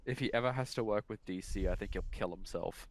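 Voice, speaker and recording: A man's voice: fairly low pitch, quick pace, slight background noise, low-quality recording. A man co-hosting a movie podcast in casual chat, often restarting his sentences and asking the group questions. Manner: restarts and stammers, swears, asks the group questions. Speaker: podcast co-host.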